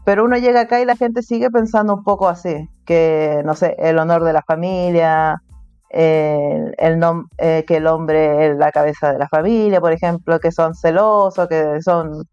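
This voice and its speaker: In this remote interview conversation, the interviewee is an artist from Chile who lives abroad; she talks with a Chilean Spanish accent in a relaxed, chatty manner, laughing between points. She has a low, a little mellow, smooth voice with fairly even intonation and a moderate pace. There's no echo, but the sound is lo-fi, with faint music behind her.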